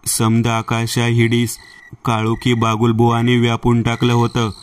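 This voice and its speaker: Monotone male horror storyteller. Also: medium pitch, unhurried, slight background noise. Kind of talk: scripted horror narration.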